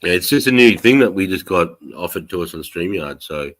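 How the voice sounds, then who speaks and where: A man's voice: low-pitched, animated, fairly quick, fairly bright tone. An Australian man hosting a casual livestream, chatting in a blokey, slangy way with plenty of swearing. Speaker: livestream host.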